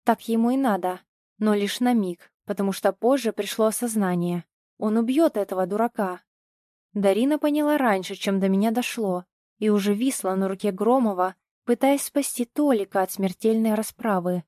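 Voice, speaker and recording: A woman's voice: medium pitch, moderate pace, warm tone, dry recording, clean studio sound. A woman reading a first-person audiobook with tense, emotional storytelling. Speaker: audiobook narrator.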